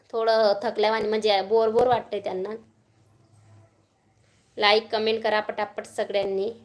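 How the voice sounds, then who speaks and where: A woman with a Marathi accent chatting casually on a live stream at home, greeting viewers by name and coaxing a small child. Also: medium pitch.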